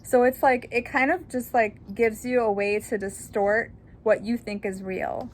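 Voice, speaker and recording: A woman's voice: fairly high pitch, steady tone, a little slow, a little hiss or hum. A woman in her thirties, talking candidly in a casual personal vlog, rambling with lots of fillers. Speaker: vlogger.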